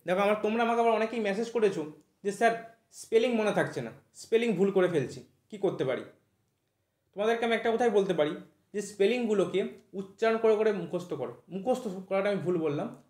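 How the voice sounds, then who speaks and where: A man's voice: high voice, roomy sound. A man teaching English vocabulary for an exam, often checking "right?" and spelling words out letter by letter. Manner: repeats "thik ache?" after nearly every point, spells words out slowly. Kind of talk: online vocabulary lesson.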